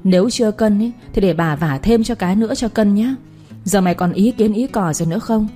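A woman's voice: medium pitch, brisk, dark tone, faint music behind, lightly acted. A woman voicing a stern, commanding older mother-in-law in a read-aloud story. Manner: cold, commanding.

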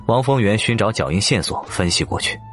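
Male audiobook narrator, low pitch, animated intonation, expressive storytelling. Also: a little fast, faint music behind. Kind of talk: scripted narration.

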